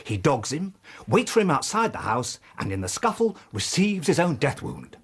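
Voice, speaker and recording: An actor playing a bluff, self-satisfied Victorian police inspector with an English accent and a husky voice, in a radio drama. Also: male voice, on the high side, very animated, moderate pace, exaggerated voice. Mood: pompous, explanatory. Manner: blunt, pompous.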